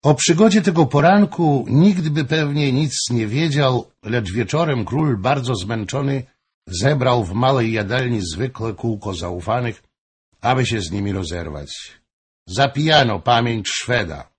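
A man narrating an audiobook of a historical novel in a measured, even storytelling manner, with a husky voice. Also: medium pitch.

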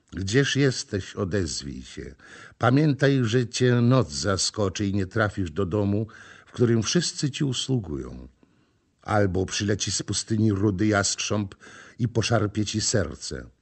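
A gentle young woman, as a man reads her. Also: fairly low pitch. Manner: soft, slow sing-song lament. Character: young gentle woman, sad, shy then bold.

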